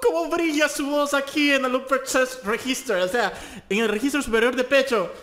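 A young man from Latin America reacts to a song with a strikingly high-pitched voice, piling up excited exclamations. He keeps breaking down the singer's vocal technique as he goes. Faint music plays under his voice. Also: moderate pace. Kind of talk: reaction commentary over a song. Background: song playing faintly.

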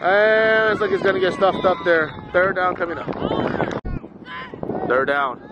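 A middle-aged man giving amateur play-by-play commentary on a football game in short clipped phrases that rise with excitement during the action. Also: high voice, unhurried. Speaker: parent filming and commentating a youth football game. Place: outdoor football field. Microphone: camera microphone exposed to wind. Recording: muffled outdoor recording, loud wind noise. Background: loud wind and outdoor ambience.

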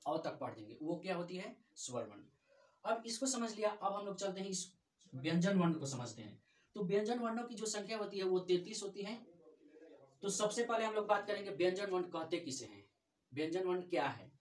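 A man's voice: high-pitched, big pitch swings, brisk. Man teaching grammar in an echoey room. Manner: asks questions then answers them himself. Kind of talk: grammar lesson. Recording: echoey room, distant mic.

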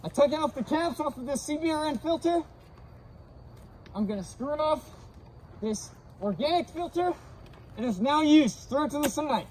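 High-voiced man talking through a gas mask. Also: animated, moderate pace, long pauses, a little mellow, slight background noise, low-quality recording. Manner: brash, swearing, breathing deeply. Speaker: vlogger testing safety gear. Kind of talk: casual demonstration.

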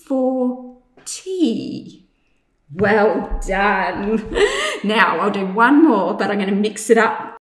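A woman presents a lesson for young children in a slow, carefully enunciated voice. Her mid-pitched delivery moves up and down in an animated way as she instructs and asks simple questions. The room adds a noticeable echo. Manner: clearly enunciated, drawn-out number words, simple guiding questions. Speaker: teacher presenting a maths activity. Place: indoors in a room, demonstrating at a tabletop. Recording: echoey room.

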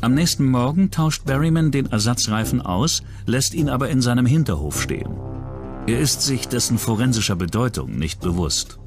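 A man reads scripted true-crime documentary narration in pronunciation, his medium-pitched voice moving at a normal pace with lively intonation. Background music runs as a bed beneath his voice.

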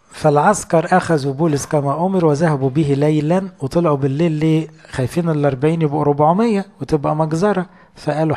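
A priest with an Egyptian Arabic accent preaches a sermon, retelling scripture in everyday speech. His voice sits fairly high for a man. He keeps turning to his listeners with questions. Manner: explains scripture in lively colloquial storytelling, asking the audience questions.

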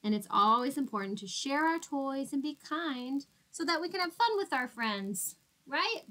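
An animated teacher in her twenties, with a high, slightly bright voice at normal speed, reads aloud from a storybook for small children. She talks to them simply and asks them questions, all in a small, plain room indoors.

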